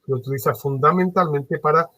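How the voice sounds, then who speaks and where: A man lecturing as a trainer in a workshop, animated and varying his tone on purpose, with many fillers. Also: a little high, a little fast, no room sound, low-quality recording. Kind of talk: workshop lecture on phone customer service.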